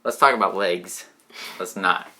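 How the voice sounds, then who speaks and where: Deep-voiced joking young man. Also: a little slow, pushed and bright, slight background noise. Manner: joking, rambling, teasing. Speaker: co-host. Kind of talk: casual chat.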